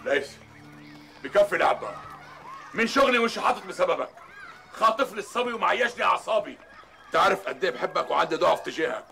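A man's voice: sits high, expressive, fast talker, creaky, long pauses, slight background noise, full character voice. An actor playing an angry middle-aged father who threatens his nephew, speaking. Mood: menacing. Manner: menacing, shouting, then coldly quiet. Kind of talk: TV drama acting.

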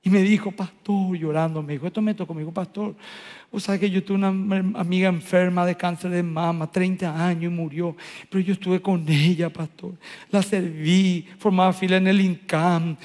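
A man preaching as a pastor, swinging between loud bursts and soft, hushed lines. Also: high-pitched. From Paraguay. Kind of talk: sermon. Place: church auditorium. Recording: large hall with long reverb.

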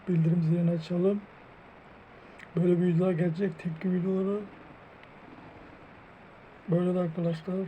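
A man's voice: high voice, warm tone, slight background noise, poor audio. A man speaking casually as a YouTuber and football fan reacting to a match.

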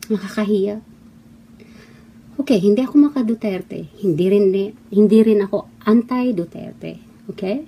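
A woman's voice: mid-range voice, unhurried, warm tone, breathy edge. A middle-aged woman from the Philippines, a former actress, delivering a heated, scolding monologue full of mocking rhetorical questions. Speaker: former actress giving opinions. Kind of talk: impassioned monologue. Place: abroad, away from the Philippines.

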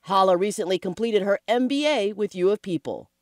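A ceremony announcer reading scripted introductions in a clear, formal voice-over. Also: medium pitch, expressive, brisk, over loud music.

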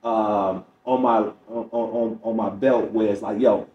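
A middle-aged comedian from Chicago, in the United States, chats as a podcast guest, telling stories and acting out dialogue along the way. His voice sits on the low side, with a steady tone, a measured pace, and the high frequencies cut off. The mic is distant in a roomy space, with faint background noise.

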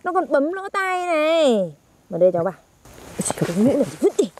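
A woman's voice: high voice, big pitch swings, brisk, darkish tone, slight background noise. A young woman, teasing and chatty as a granddaughter in a comedy skit.

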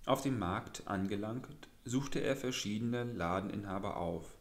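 A man reading a fairy tale aloud in an expressive, measured storytelling manner. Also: fairly low pitch. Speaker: audiobook reader.

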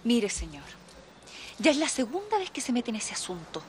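An actress playing a proud, sharp-tongued woman of the house in a telenovela, speaking in a curt, scolding way. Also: on the high side, wildly swooping pitch, moderate pace, slight background noise. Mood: indignant. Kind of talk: telenovela acting.

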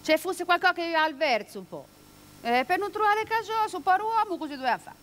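A woman acting a sharp-tongued, nosy village gossip in a stage comedy, speaking Italian dialect from the Marche. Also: very high-pitched, lively intonation, fairly quick. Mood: catty, gossiping. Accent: Marche dialect, Italy. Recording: noisy theatre stage recording.

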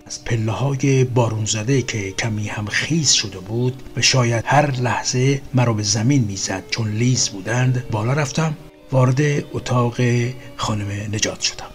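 A man calmly narrating a first-person story in a measured, even reading. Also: medium pitch. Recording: faint music underneath.

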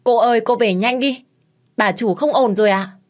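A woman's voice: moderate pace, darkish tone, close to an everyday voice. A woman voicing a young housemaid who calls out in urgent panic. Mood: panicked. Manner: shrill, urgent calling.

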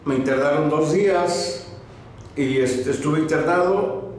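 A man in his sixties speaks haltingly, stopping and restarting his sentences. His voice sits at an ordinary pitch, and it rings through a very echoey small office with a faint hiss of background noise. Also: darkish tone. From Mexico. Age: 60s. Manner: hesitant, many fillers and restarts. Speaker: patient giving a testimonial. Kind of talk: interview. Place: small medical office, indoors.

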